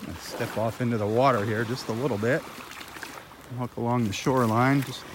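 A man giving relaxed, unhurried commentary while walking a beach, filmed on a handheld phone outdoors. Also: mid-range voice. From Florida, USA. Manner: easygoing, unhurried remarks between pauses. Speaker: beach walk host. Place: outdoors on a sandy beach by the water. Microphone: handheld phone, filming while walking. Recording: outdoor wind and surf noise.

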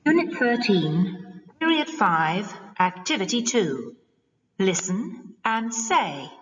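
A woman's voice: mid-range voice, big pitch swings, slow pace, a bit bright, lo-fi sound. A woman announcer reading scripted instructions for a language-course recording. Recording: echoey playback of course audio.

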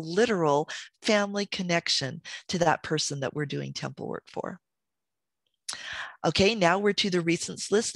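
A woman's voice: on the low side, a bit bright, no echo. A woman teaching a beginner family history class, enthusiastic and friendly, her voice worn from talking. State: losing her voice.

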